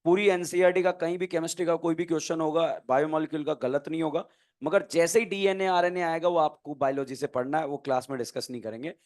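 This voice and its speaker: Man, chemistry teacher, high voice, quizzing the class, playful teasing. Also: steady tone, fast, a little mellow. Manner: quizzing students, answering his own questions. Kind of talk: classroom lecture.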